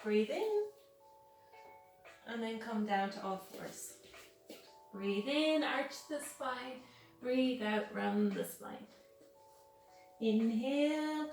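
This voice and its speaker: Calm soothing yoga teacher lady, higher voice, really echoey room, bit of music behind her. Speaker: yoga instructor. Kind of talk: guided yoga class instruction. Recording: echoey room, distant mic, faint music.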